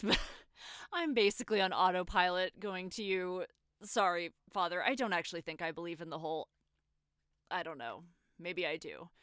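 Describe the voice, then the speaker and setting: A young woman acting a guilt-ridden former soldier who confesses by phone, talking haltingly, swearing, and sliding toward panic. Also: on the low side, sharp tone, clear, resonant tone, no echo, clean studio sound. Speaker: caller confessing to a priest. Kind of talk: audio drama acting.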